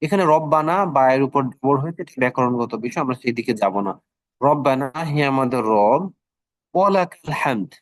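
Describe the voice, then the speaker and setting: A middle-aged man teaching an online class, who speaks slowly and repeats words so the listeners can practise. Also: medium pitch, animated, no room sound, clean studio sound.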